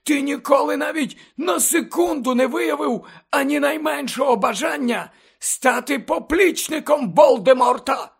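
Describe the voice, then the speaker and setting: A man voicing an elderly wizard headmaster who lectures urgently and emphatically, often close to shouting, in an audiobook reading. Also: extremely high pitch, lively intonation, measured pace, creaky, voice pushed up, full character voice. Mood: impassioned. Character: elderly male wizard headmaster, fervent and impassioned.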